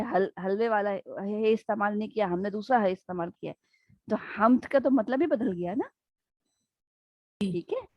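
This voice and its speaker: A woman's voice: a little high, no room sound, muffled recording. A woman giving an interactive online religious lesson. She talks conversationally, keeps checking in with her listeners, and acts out little everyday scenes. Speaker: Islamic studies teacher.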